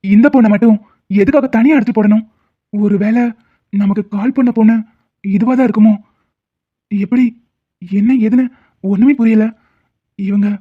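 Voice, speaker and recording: A woman's voice: medium pitch, fairly even intonation, normal speed, pauses often, breathy edge, natural voice. A woman voicing a protective, righteous male doctor in a cartoon drama, who speaks in a reassuring but firm way. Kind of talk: cartoon voice acting. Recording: tinny phone-like sound.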